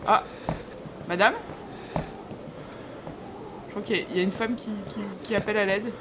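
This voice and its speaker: A woman's voice: mid-range voice, fairly even intonation, moderate pace, noisy background. A woman streaming a horror game live, chatting informally and jokingly to viewers with scared, easily startled reactions.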